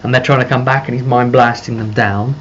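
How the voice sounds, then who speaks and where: Recounting a tabletop session as its game master, a man talks casually and unscripted, rambling while he reconstructs events. His medium-pitched voice is steady and a little fast, and the dull lo-fi mic picks up faint noise.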